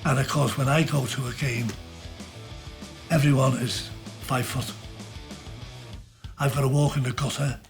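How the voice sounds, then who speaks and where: A man's voice: medium pitch, flat delivery, measured pace, long pauses, soft background music. An older man with a Liverpool Scouse accent, telling stories in a chatty interview, full of fillers and restarts. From Liverpool, England. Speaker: interviewee, pub owner. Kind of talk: casual storytelling interview.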